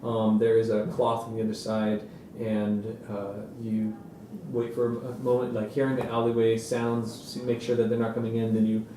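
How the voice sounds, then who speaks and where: A man narrating a tabletop game as game master, describing scenes in halting, filler-heavy improvised speech. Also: lowish voice, monotone, mellow, echoey room, far from the mic, a little hiss or hum.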